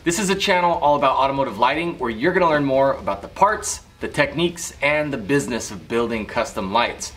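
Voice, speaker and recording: A man's voice: medium pitch, expressive, brisk, few pauses, a bit bright. A young man chatting casually to the camera in an informal, easygoing way as a vlogger. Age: young adult. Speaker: vlogger, automotive lighting shop owner. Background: music.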